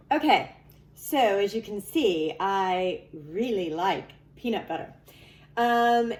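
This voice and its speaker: Chatty woman host in an echoey room. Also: mid-range voice. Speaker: cooking show host. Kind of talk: casual video presenting. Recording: echoey room with faint background noise.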